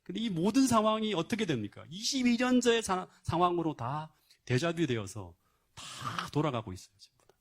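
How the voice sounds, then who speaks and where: A man's voice: high voice, sing-song, brisk. Man preaching an emphatic Bible story. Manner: storytelling with rhetorical questions and frequent "yes" interjections. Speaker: pastor. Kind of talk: sermon.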